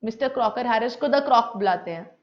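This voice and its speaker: Brief: woman English teacher, high voice, unhurried explanations, slightly dull lo-fi sound. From India. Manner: explains lines plainly, mixing two languages. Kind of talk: lesson explanation. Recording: dull lo-fi recording.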